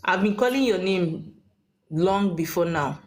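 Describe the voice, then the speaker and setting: A woman with a voice on the low side speaks a little slowly, hosting a live call-in chat where she gives spiritual consultations. She is directive with the people who join, and the noisy livestream has clicks.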